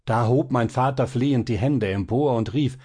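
A man narrating a literary tale as an audiobook, reading with expressive, dramatic pacing. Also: mid-range voice, moderate pace, husky.

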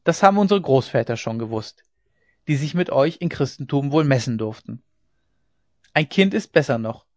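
A man's voice: animated, normal speed, dry recording, close to an everyday voice. A man playing a brash, mocking laborer. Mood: insolent. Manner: cheeky, defiant, rising pitch. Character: insolent bull-necked male laborer, brash and mocking. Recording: slightly dull lo-fi recording.

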